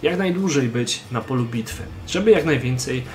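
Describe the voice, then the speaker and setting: A young man hosting a gaming channel gives game tips in a voice-over, talking straight to the viewer and urging them on with emphasis. His medium-pitched voice has lively intonation and a normal pace, with a faint hiss or hum in the background.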